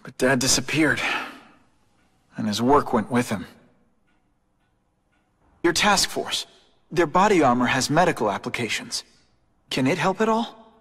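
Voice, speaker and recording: A man's voice: mid-range voice, expressive, a little slow, pauses often, fairly bright tone, slightly rough. A man with an American accent voicing an earnest, troubled young superhero in a video game cutscene. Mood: concerned. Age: young adult. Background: background music.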